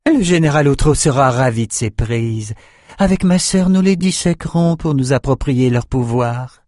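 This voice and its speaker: A man voicing a cruel, gloating female warrior who taunts her captives in a slow, drawn-out way, in a storybook reading. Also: medium pitch, lively intonation, darkish tone, no room sound, clean studio sound, pitched above the performer's own voice, natural voice.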